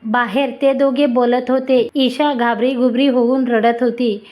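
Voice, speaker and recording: A woman narrating a love story in a steady reading voice. Her pitch sits a little above the usual for a woman. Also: unhurried.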